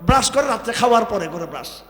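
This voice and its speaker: A man's voice: high voice, expressive, quick pace. A man from Bangladesh preaching a sermon to a crowd, firing rhetorical questions and mocking. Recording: echoey hall with long reverb.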